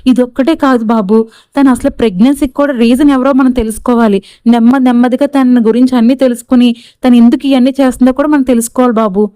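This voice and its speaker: A woman's voice: on the high side, steady tone, quick pace, dark tone, smooth, no echo, close to an everyday voice. A woman voicing a devoted young wife who is earnest and wary, talking in a respectful way.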